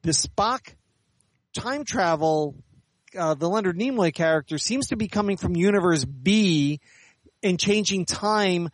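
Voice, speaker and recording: Speaking in a high-pitched voice with no room sound, a middle-aged or older science fiction author and editor sits as an interview guest. His answers come across as frank, well-spoken and explanatory.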